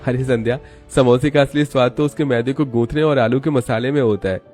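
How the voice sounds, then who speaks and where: A man's voice: mid-range voice, fairly quick, a little mellow, faint music behind, close to an everyday voice. A man voicing a poor, caring father in a cartoon story, speaking earnestly. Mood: encouraging.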